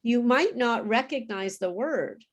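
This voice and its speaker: A woman teaching English pronunciation in a live online class, explaining slowly and often checking in with "okay". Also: a little high, lively intonation.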